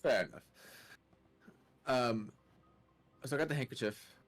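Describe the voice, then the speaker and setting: A young man playing a tabletop game, questioning characters in a playful, drawn-out way. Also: medium pitch, soft background music. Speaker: player. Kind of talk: casual tabletop game play.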